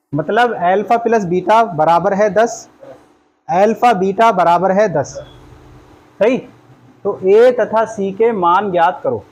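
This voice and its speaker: A man teaches a math class, working through each step aloud and firing questions at his students. His voice sits high. Faint classroom noise runs under the recording. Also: rough recording. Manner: explains steps aloud, quizzes the class with questions. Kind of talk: classroom lesson.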